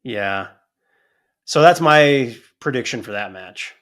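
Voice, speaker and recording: A man's voice: mid-range voice, animated, slow, a bit bright. A man co-hosting a podcast in casual chat, blunt and swearing freely, often cutting in over his co-host.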